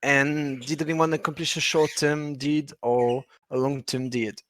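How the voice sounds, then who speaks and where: A man with a hoarse voice, coughing as he narrates a tabletop game as game master. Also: medium pitch, flat delivery, fairly bright tone, no echo. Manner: coughing, halting. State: hoarse, losing his voice.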